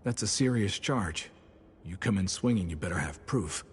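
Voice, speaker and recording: An actor playing a stern, measured male community elder in a video game. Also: sits low, lively intonation, in a large hall, noisy background.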